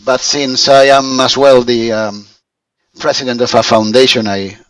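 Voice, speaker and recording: Halting Spanish-accented man in his fifties. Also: mid-range voice, fairly even intonation, fairly bright tone, dry recording, recorded from a distance, poor audio. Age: 50s. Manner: halting, searching for words with many restarts. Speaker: language student. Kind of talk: conversational English lesson.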